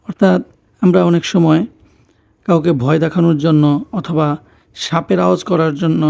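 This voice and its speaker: A man's voice: high-pitched, gravelly, warm tone. A man teaching Arabic letter pronunciation in Bengali, patiently repeating each sound several times and explaining where the tongue and lips go. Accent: Bangladeshi Bengali. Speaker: Quran teacher. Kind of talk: pronunciation lesson.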